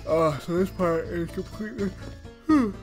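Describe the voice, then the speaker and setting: A man streams a game and chats over it, excitable and quick to swear. His pitch jumps around widely, with game music playing loud behind him. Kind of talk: casual let's-play chat.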